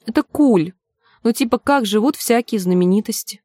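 A woman voicing a dim, dreamy young kitchen maid who talks in slow, vague slang, in an audiobook. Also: on the high side, dark tone, dry recording, pitched above the performer's own voice, natural voice.

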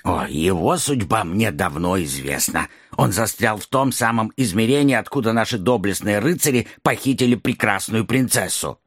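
An actor voicing a fawning, scheming dwarf servant to an evil queen, with a husky voice, in an audiobook. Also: on the low side, lively intonation, moderate pace, few pauses, no echo, studio quality. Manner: servile, scheming, obsequious. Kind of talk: audiobook character reading.

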